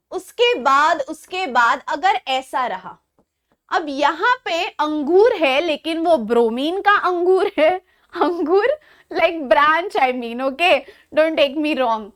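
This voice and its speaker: An Indian woman chemistry teacher giving an online class lecture in a chatty, teasing way, repeating key terms slowly. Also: extremely high pitch, fairly bright tone.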